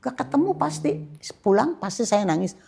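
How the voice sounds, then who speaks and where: An older woman from Indonesia, a guest pastor, telling an emotional personal testimony, dropping to soft whispers and rising to loud outbursts. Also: a little high, lively intonation, normal speed, vocal fry, slight background noise. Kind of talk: personal testimony in a church podcast.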